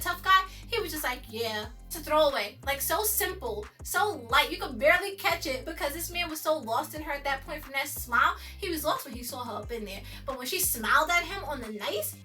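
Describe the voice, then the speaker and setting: A woman with a high, bright voice gushes through a casual episode recap, full of slang and asides to her viewers. She sounds a little away from the mic, with faint music playing underneath. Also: far from the mic. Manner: excited, chatty, slangy, addresses viewers as y'all.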